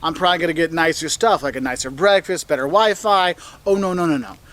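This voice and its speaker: A man's voice: quick pace, a bit bright. A man giving upbeat travel tips, his voice jumping up for quoted phrases. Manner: enthusiastic, jumps up in pitch for quoted phrases. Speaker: travel video host. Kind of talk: travel advice video.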